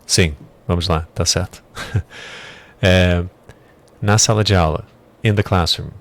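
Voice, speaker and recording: A man's voice: low voice, fairly even intonation, takes it slowly. A man teaching English vocabulary in a casual lesson, thinking aloud and correcting himself as he goes. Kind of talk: casual screen-share lesson.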